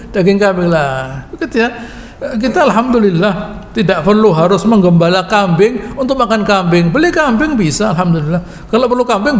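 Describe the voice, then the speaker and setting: High, gravelly-voiced preacher in a mosque. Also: male voice. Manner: folksy and joking, many asides, chuckles at own jokes. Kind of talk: mosque sermon, Quran commentary. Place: mosque hall. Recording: reverberant mosque hall with faint noise.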